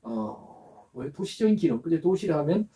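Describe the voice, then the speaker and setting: A male pastor giving a sermon, explaining words slowly and asking the listeners to repeat after him. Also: on the high side, expressive, mellow, recorded from a distance, slight background noise. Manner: teaching, with pauses to explain terms and have the congregation repeat words.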